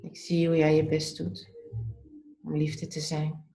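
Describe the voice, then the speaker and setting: A woman leading a guided meditation in a calm, soothing, gently instructive way. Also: sits low, takes it slowly, creaky, echoey room, soft background music.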